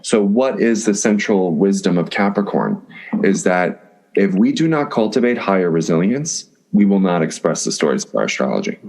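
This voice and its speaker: A man's voice: sits low, a little mellow. A man, an astrologer guest, talking in a casual podcast conversation, effusive and flowing, often stringing words into lists.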